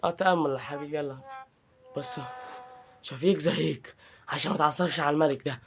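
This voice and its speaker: A man's voice: on the high side, fast, a bit bright, a little hiss or hum. A young man with an Egyptian Arabic accent commentating his gameplay, playful and teasing as he trash-talks the game. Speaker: gaming channel host.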